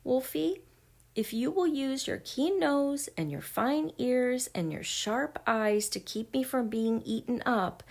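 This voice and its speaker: A woman voicing a greedy, boastful caveman boy in a storybook, mocking and loud. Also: a little high, gravelly.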